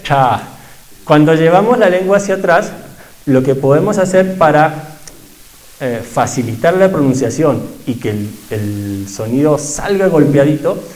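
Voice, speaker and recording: A man teaches a pronunciation workshop with a voice a little higher than usual. He is patient and breaks each sound down, repeating it slowly for his students. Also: lively intonation, a little mellow, poor audio. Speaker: language teacher.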